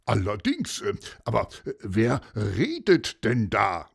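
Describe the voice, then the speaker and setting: A man voicing a calm, deliberate retired police detective in a children's story. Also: lowish voice, creaky, breathy edge, exaggerated voice. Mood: reassuring. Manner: deliberate, reassuring, with filled pauses.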